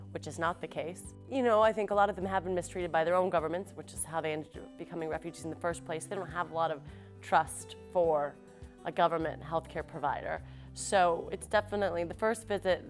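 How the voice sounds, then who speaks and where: A woman in her thirties, a public health nurse, speaking thoughtfully and conversationally in an interview. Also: fairly low pitch.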